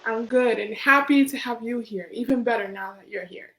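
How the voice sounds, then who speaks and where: A woman's voice: on the high side, normal speed, a bit bright, a little hiss or hum, rough recording. Upbeat woman hosting an online talk show. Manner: upbeat, repeats pleas for emphasis. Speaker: host.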